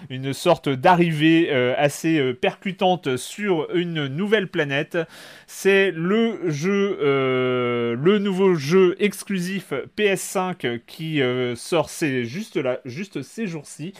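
A man's voice: fairly high pitch, slow. A man hosting a casual chat about video games, speaking hesitantly with many fillers. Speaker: podcast host.

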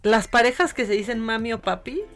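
A woman's voice: a little high, brisk, faint music behind. A Mexican woman co-hosting a casual gossip chat, playful and acting out pet names in mock voices. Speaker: co-host.

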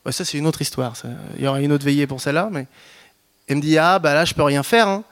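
A man in his thirties from France telling a personal anecdote to an audience, lively and self-mocking, with frequent restarts and slang. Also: a little high, fast. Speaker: storyteller.

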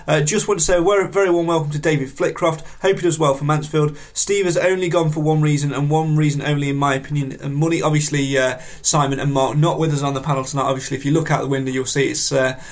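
A man hosting a football fan podcast, reading out viewer comments in a casual, halting way with many ums and restarts. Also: a little high.

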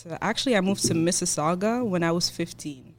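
Blunt young woman, low voice. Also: brisk. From Switzerland. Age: 20s. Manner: blunt, outspoken, fillers like "like". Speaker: podcast guest. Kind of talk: casual chat.

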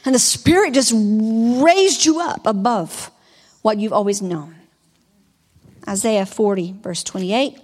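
A woman preacher reads scripture aloud in a sermon, then exhorts her listeners in an animated way. Her voice is a little high, she takes it slowly, and the sound has a long reverb tail.

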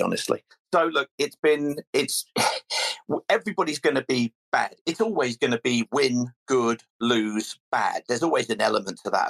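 A man's voice: medium pitch, a bit bright, breathy edge, low-quality recording. A man with a southern English, Surrey accent hosting a casual live football fan phone-in, often repeating words as he gathers his thoughts. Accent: Mid-Surrey, southern English. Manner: hesitant, repeats words mid-sentence. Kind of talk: casual live sports discussion.

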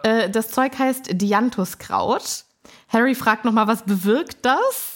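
A woman's voice: a little high, takes it slowly, background noise. A woman co-hosting a podcast, retelling a book chapter in casual chat and acting out the quotes. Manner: animated retelling with acted-out quotes. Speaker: podcast co-host.

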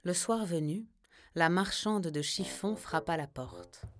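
A woman narrating a children's storybook in a gentle, expressive reading. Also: on the low side, slow, faint music behind.

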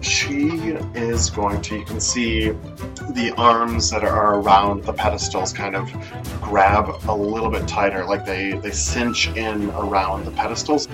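A man's voice: on the low side, flat delivery, a little slow. A man acting as game master, improvising vivid, descriptive narration of a tabletop fantasy game and addressing the players directly. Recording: prominent music bed, somewhat distant mic. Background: music.

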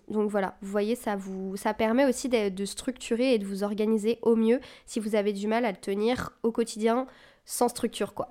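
A woman's voice: a little high, a little mellow. A young woman hosting her own podcast from home into a desk mic, chatting casually and encouragingly, with loose phrasing and plenty of fillers. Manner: chatty, loose, with many fillers and English buzzwords; self-described anxious, encouraging tone. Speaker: podcast host. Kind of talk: casual solo podcast chat. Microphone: desk mic on a boom arm.

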